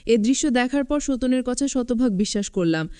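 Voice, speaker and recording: A woman narrating a scripted first-person story in an even storytelling manner. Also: on the high side, normal speed, clean tone, no room sound.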